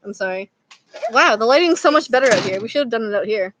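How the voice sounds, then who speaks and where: A woman's voice: fairly high pitch, lively intonation, fast talker, reverberant, very noisy. A young woman co-hosting a casual livestream, chatting in a rambling, apologetic way with frequent giggles, recorded on a laptop mic. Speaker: co-host of a livestream. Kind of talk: casual chat. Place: indoors, then outdoors in the evening.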